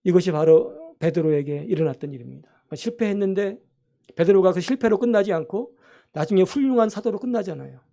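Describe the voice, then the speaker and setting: A man's voice: high-pitched, lively intonation, a little fast, vocal fry, dark tone. A man preaching a sermon as pastor in a church, earnestly asking the congregation questions. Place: church sanctuary.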